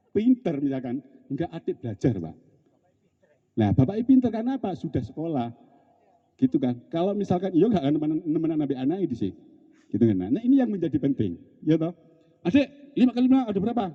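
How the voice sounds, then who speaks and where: Lively Javanese-accented man in an echoing hall. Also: fairly high pitch. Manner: lively, jokey, acts out shouted instructions. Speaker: outbound training facilitator. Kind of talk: debriefing a team-building game. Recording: dull, long-reverb hall.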